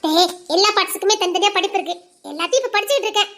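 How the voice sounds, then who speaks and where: Brief: woman playing a high, bright, quick-witted Tirunelveli village girl who teases and talks back. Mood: teasing. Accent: Tirunelveli Tamil. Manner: chatty, teasing, quick-witted. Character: sharp-tongued, studious young village woman. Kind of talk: dramatized storytelling.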